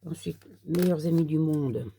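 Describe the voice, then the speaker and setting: Low, gravelly-voiced woman crafter. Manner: soft, unhurried, talks while working with paper. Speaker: crafter demonstrating a card kit. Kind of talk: casual crafting tutorial.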